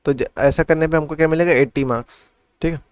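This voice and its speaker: Maths tutor, male, slightly high crisp voice, talks through sums in Hindi-English, dry close recording. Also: steady tone, fast, no echo. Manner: asks and answers his own questions. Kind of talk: casual classroom explanation.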